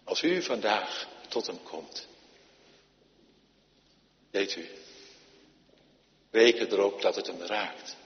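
A man preaching a sermon, emphatic, moving between loud urging and quiet, intimate passages. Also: lowish voice, takes it slowly, pauses often. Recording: dull lo-fi sound with long hall reverb.

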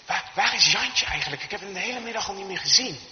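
A man's voice: high-pitched, animated, fast, sharp tone, pitched above the performer's own voice, full character voice. A man voicing an anxious farmer's wife looking for a missing boy, heard in an echoey hall on a dull recording. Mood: worried. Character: worried farmer's wife searching for a child.

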